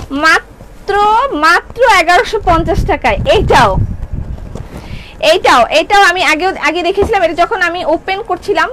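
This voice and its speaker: A woman's voice: high voice, a bit bright, a little hiss or hum. A woman with a Bangladeshi Bengali accent presenting her clothing line on a live sales stream, chatty, reading out viewer comments and slipping in English words. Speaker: clothing shop owner.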